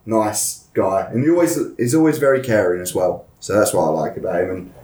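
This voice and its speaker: A man's voice: on the low side, brisk. Chatty Essex man in an echoey room. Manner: chatty, laughs often, lively storytelling. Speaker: professional wrestler, podcast guest. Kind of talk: casual podcast chat.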